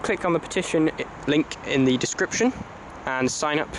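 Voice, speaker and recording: A man's voice: on the high side, normal speed. A man giving matter-of-fact trainspotting vlog commentary at a railway station. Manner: matter-of-fact, reading out unit numbers. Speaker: trainspotting video host. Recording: loud station and train noise.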